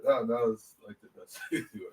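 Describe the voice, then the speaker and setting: Male co-host, mid-pitched, quiet and stammering, set back from the mic, casual chat. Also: steady tone, fairly quick, far from the mic. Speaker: podcast co-host.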